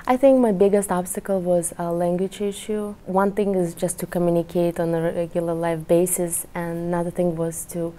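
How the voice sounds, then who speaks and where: Woman student from Kazakhstan, low, mellow, flat delivery, careful phrasing. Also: normal speed, hardly any pauses. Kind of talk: interview testimonial.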